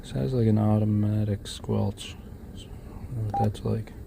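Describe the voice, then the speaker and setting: Working around a vehicle on a DIY install, a man narrates unscripted, mumbling half to himself as he goes. His fairly low voice is creaky and fairly even in intonation, at a moderate pace. Audio comes from a noisy handheld camera microphone that picks up clicks and rattles.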